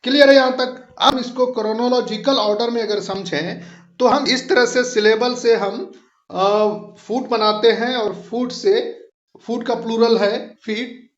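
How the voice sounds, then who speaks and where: Slow high-voiced man teaching poetry. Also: steady tone. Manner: patient, repeats points and checks understanding. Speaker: English literature teacher. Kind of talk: explanatory lesson mixing Hindi and English. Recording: echoey room, dull lo-fi sound.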